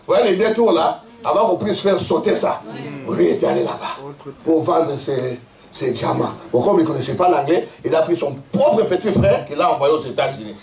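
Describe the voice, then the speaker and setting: High, lively preaching man in an echoey church. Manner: animated storytelling, laughing, acting out characters. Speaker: pastor. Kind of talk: lively sermon with congregation responses. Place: church in Brussels.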